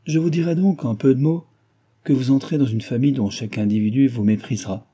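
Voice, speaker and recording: A man's voice: mid-range voice, steady tone, a little fast, mellow, breathy edge, close to an everyday voice. A man reading aloud, voicing a grave older family friend who warns and admonishes.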